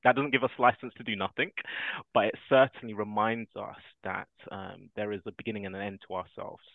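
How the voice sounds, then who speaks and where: Man, podcast guest, earnest reflective storyteller, deeper voice, thin phone-like audio. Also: steady tone, a little fast, creaky, no echo. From South London. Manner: earnest, thoughtful, laughs while telling stories. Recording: dry, tinny phone-like line.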